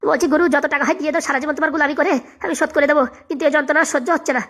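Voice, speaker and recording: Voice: high voice, fairly even intonation, racing, fairly bright tone. A performer voicing a panicked male assistant in a comic cartoon, pleading and whining. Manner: pleading, whiny.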